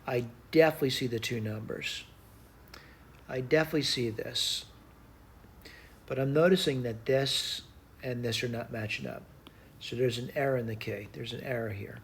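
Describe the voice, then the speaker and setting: A man's voice: mid-range voice, normal speed, pauses often. A man giving an informal math lesson, thinking aloud hesitantly as he works through each step and repeats it. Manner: hesitant, self-talking, repeats and spells out steps. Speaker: math tutor. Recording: clear background noise.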